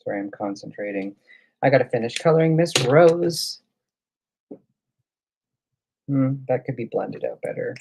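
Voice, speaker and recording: A man's voice: medium pitch, expressive, measured pace, vocal fry, long pauses, darkish tone, a little hiss or hum. A man hosting a casual live coloring demo, chatting and thinking aloud as he works. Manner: chatty, thinks aloud while working, reads out viewer comments. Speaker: livestream host.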